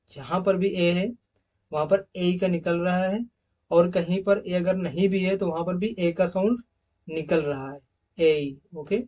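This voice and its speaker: A man's voice: sits high, a little mellow, recorded from a distance, dull audio. A man teaching English pronunciation, saying each sound several times over and calling viewers his friends. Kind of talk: recorded slide lesson on pronunciation.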